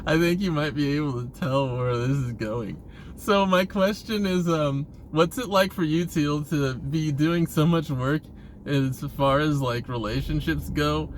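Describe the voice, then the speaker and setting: With a voice on the high side and a slightly slow delivery, this man poses questions as a vlogger in a casual, rambling monologue. He is hesitant and frequently starts phrases over, and there is slight background noise.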